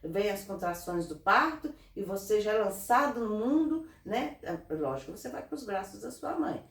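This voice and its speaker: A woman from Brazil, a guest in an interview, giving earnest, animated advice in casual talk. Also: mid-range voice, normal speed. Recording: roomy, from a distance off mic.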